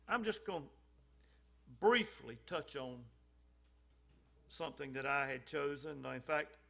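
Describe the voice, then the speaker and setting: A man with a fairly high, gravelly voice, pushed and bright with lively intonation, takes his time giving an informal church talk as a lay speaker. He keeps it folksy and conversational, stumbles into ums and restarts, and rises on key phrases.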